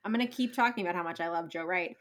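A woman's voice: lowish voice, racing, a bit bright, a little hiss or hum. A woman co-hosting a podcast who chats casually about a film, laughs often and swears lightly. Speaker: podcast co-host. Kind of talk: casual film recap chat.

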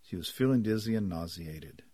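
A man reads a story aloud in a measured, even voice. His voice sits low, and the sound is dry and close. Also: no room sound. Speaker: narrator. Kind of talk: storytelling reading.

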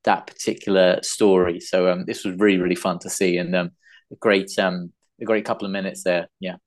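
Brief: male podcast guest, low voice, eager, halting, lots of ums and likes. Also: flat delivery. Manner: enthusiastic, hesitant, many fillers. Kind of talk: casual chat.

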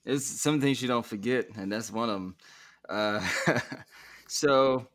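A man hosting a conversational interview, gently prompting his guest with questions, with fillers along the way. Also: medium pitch, slow pace. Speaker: interview host.

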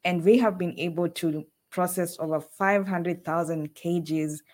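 A woman from Kenya, a guest in an interview, telling her career story in a lively way. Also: fairly low pitch, a little slow. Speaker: fellowship guest, food production manager. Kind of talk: casual interview talk.

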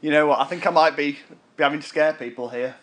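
A man's voice: fairly high pitch, fairly even intonation, quick pace. A man co-hosting a casual beer review chat, easygoing and knowledgeable about brewing and yeast. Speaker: beer podcast co-host.

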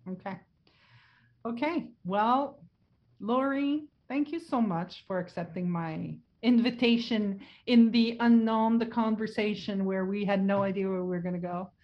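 A woman's voice: mid-range voice, measured pace, lo-fi sound. A woman with a French accent, a native French speaker, hosting a casual conversational interview. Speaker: podcast host.

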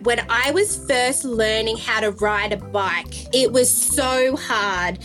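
A woman, a teacher guesting on a children's podcast, explaining things to young children in simple, measured phrases. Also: on the high side, fairly bright tone, faint music behind.

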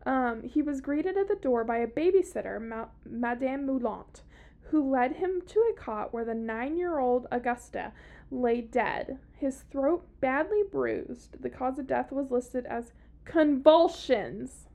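A woman's voice: high voice, animated, a little slow, vocal fry, warm tone. A woman with a Southern US accent co-hosting a podcast, telling a story casually in a blunt, sweary, sardonic way. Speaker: podcast co-host telling a true-crime story.

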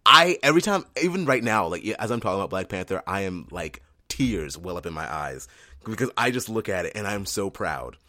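Low-voiced excitable man on a podcast. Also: brisk, no room sound, clean studio sound. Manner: excitable, laughs often, many ums. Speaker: podcast host. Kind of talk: casual podcast chat.

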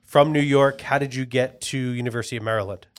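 A man hosting a podcast, interviewing guests in a relaxed, joking way. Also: medium pitch, fast. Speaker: podcast host. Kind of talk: casual interview.

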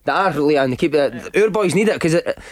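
Man, Glasgow street accent, quick pace, slightly high pitch, dry studio sound, casual matey chat. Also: expressive, no room sound. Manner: street Glasgow vernacular, self-deprecating, matey. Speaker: footballer and radio show guest.

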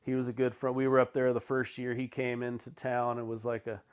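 A man's voice: medium pitch, flat delivery, a little fast, smooth. A middle-aged man, a podcast guest, telling rambling, laid-back stories with fillers and the odd swear word. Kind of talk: casual storytelling.

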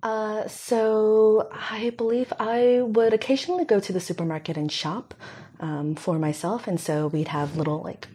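A woman's voice: medium pitch, fairly even intonation, unhurried, dark tone, slightly rough. A young woman from Hong Kong, talking reflectively as an interview guest, with frequent fillers. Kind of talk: conversational interview.

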